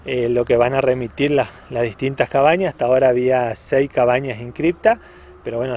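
A man's voice: medium pitch, darkish tone, dull audio. A man in his forties with an Argentine accent, speaking as an official in a semi-formal news interview outdoors into a handheld microphone. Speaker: provincial livestock official being interviewed. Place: outdoors in a grassy parking area at a cattle auction ground. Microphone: handheld reporter's microphone at chest height.

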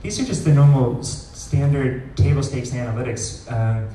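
At an indoor meetup, a medium-pitched man gives a live software demo, explaining casually with many pauses. A far-off camera records the large wood-ceilinged room, so the sound is roomy and distant with faint noise.

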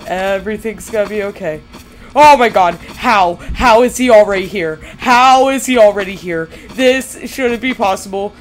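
A woman's voice: a little high, a little slow, hardly any pauses, faint music behind. A young woman commentating horror gameplay, jittery and bursting into frightened shrieks. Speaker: gamer.

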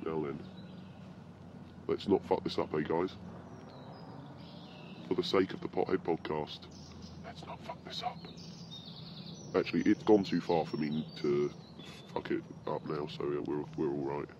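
A man's voice: very deep voice, little pitch movement, normal speed, long pauses, dull audio, background noise. A British man hosting a casual podcast, rambling and swearing freely, with birdsong from the forest around him. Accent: British English. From Britain. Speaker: podcast host. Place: outdoors in a forest.

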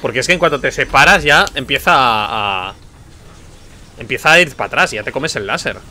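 A man's voice: mid-range voice, animated, brisk, sharp tone. A man from commentating his gameplay, frustrated, muttering and swearing. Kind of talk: let's play commentary. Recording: faint music behind.

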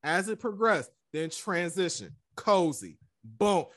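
A man joining a friend's podcast as a guest, telling lively stories about listening to music and acting out his own reactions. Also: sits high, slow, no echo. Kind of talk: casual music chat.

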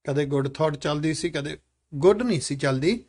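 Man, teacher, live class Q&A, keeps asking questions, slightly high voice. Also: moderate pace, darkish tone. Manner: asks many questions, urges children to speak up. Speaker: teacher leading a class discussion.

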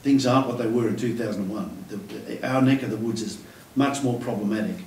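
A middle-aged academic host moderates a panel conversation in a lecture room before a seated audience, speaking thoughtfully but restarting often and using fillers. His voice is lowish, fairly quick, and darkish, picked up by a distant mic in a roomy hall with slight background noise.

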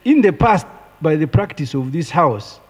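A man's voice: fairly high pitch, sing-song, normal speed, slightly rough. A middle-aged man with a Ugandan accent arguing a point of procedure in parliament. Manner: argumentative, pointed. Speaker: opposition member of parliament. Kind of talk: parliamentary debate. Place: large parliament chamber. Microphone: desk microphone. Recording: long chamber reverb.

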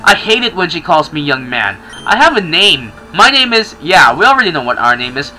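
An excitable young man talking through a game he is playing. His voice is bright and lively, jumping around in pitch as he reacts. Soft music plays in the background. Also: fairly quick, rough recording. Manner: excitable, chatty. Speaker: gaming channel host. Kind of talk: casual let's-play commentary.

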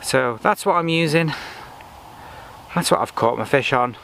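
A man's gravelly, mid-range voice moves at a measured pace as he chats about fishing from a lakeside bank, easygoing and talking through each step. He's filmed by a camera on the bank in front of him, with faint outdoor sound behind.

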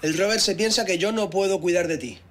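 A man's voice: high-pitched, fairly quick, lightly acted. An actor in his twenties from a naturalistic TV drama, playing a defensive, earnest younger son with a Spanish accent from Spain. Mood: indignant, defiant. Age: 20s.

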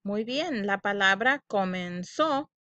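A woman's voice: medium pitch, expressive, slow pace, bright, forceful tone, highs cut off. A woman teaching children a phonics lesson, drawing out each syllable and repeating sounds for learners to echo.

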